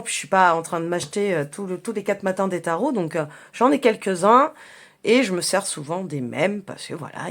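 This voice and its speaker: A woman doing a casual tarot reading, talking in a chatty, hesitant way with many fillers and restarts while she handles cards. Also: mid-range voice. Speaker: tarot reader.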